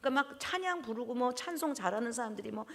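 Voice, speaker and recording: A woman preaching a sermon in a church, animated, often laughing and breaking into loud exclamations. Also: a little high, quick pace. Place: church hall. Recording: long church hall reverb.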